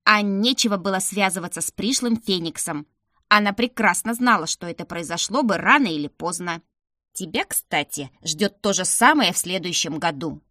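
A woman voicing a stern, sharp-tongued old grandmother who grumbles and scolds, in an audiobook reading. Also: fairly low pitch, normal speed, dry recording, studio quality. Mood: scolding.

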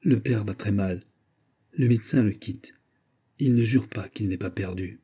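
A worried young brother who speaks in a plain, grave way, read by a male narrator in his own voice. The tone is low and dark, with some huskiness. It is a figure in a storybook reading. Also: measured pace, husky.

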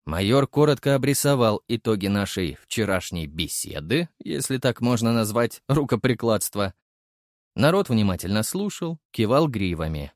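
A man narrating an audiobook in first person with lively storytelling. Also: on the low side, normal speed, dry recording, studio quality.

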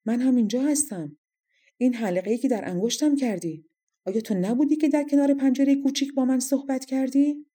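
A woman voicing an angry, proud young princess who speaks in shrill, indignant outbursts. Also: dark tone, husky.

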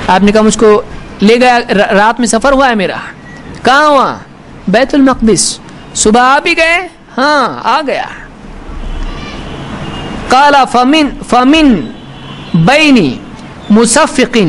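A man's voice: very high-pitched, a bit bright, slight background noise. A man giving a sermon, quoting Arabic text and then explaining it in colloquial Urdu, acting out the speakers in the story. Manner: acts out the speakers in the story with changing tone. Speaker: Islamic preacher. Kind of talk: sermon retelling hadith.

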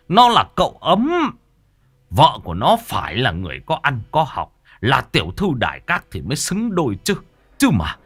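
A man voicing a furious middle-aged male theater owner who shouts and curses at his son and wife. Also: medium pitch, pitched above the performer's own voice, full character voice. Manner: shouting, cursing, scornful.

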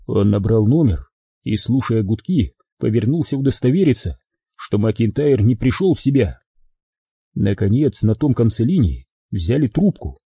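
A man's voice: medium pitch, very animated, normal speed, dark tone, slightly rough, dry recording, clean studio sound. A man narrating a crime audiobook expressively, giving every character his own voice.

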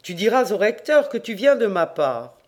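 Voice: medium pitch, very animated, moderate pace, voice pushed up. The reader voicing a kindly, coaxing old priest. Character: kindly older priest, hospitable and firm. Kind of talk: audiobook character reading.

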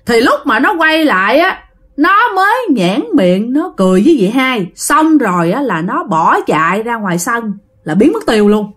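Southern vietnamese woman telling a ghost story, high lively voice, chatty, talks right to listeners. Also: normal speed. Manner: chatty, addresses listeners directly. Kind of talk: spoken ghost story narration.

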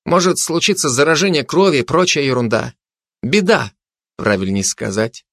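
A man doing a blunt sharp-tongued tourist. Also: mid-range voice, lively intonation, moderate pace, dry recording, clean studio sound, voice pushed up.

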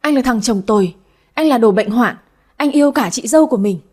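A woman's voice: a little high, expressive, fairly quick, a little mellow, breathy edge. A woman voicing a spiteful, scheming young wife who shrieks and accuses in a frantic way, in a storybook reading. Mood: bitter.

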